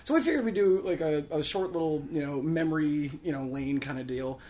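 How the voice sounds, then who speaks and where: A man's voice: fairly high pitch, animated, a little fast, darkish tone. A man in his thirties hosting a casual podcast chat, talking loosely with lots of fillers, laughing often and swearing freely. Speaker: podcast host.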